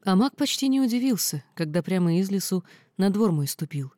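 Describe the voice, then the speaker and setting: A woman narrates a first-person fairy tale with expressive, folksy storytelling. Her voice is mellow and warm, at a middle pitch. The recording is dry and close, with no room sound. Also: a little fast, no room sound. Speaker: audiobook narrator.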